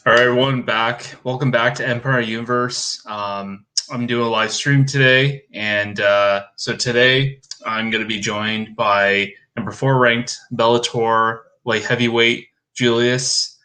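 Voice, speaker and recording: A man hosting a casual live-stream interview, easygoing and quick with short affirmations. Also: mid-range voice, fairly even intonation, pushed and bright, rough recording. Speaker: podcast host.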